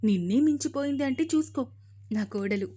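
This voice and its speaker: A woman's voice: high voice, expressive, fairly quick, dark tone. A woman doing a firm, commanding mother-in-law. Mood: commanding, affectionate. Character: stern yet loving middle-aged mother-in-law.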